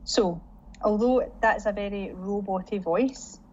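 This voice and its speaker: A digital learning trainer, a woman with a mid-range voice, walks teachers through a software tutorial while sharing her screen. She speaks a little slowly and chattily, leaning on "again" and "um" as she demonstrates. The audio is dull and lo-fi with a faint hiss.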